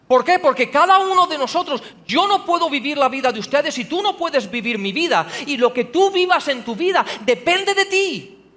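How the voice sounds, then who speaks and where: In a church hall with long reverb, a male pastor preaches a sermon, pressing the congregation with rhetorical questions and building to emphatic passages. His very high voice is expressive and sharp, at a moderate pace.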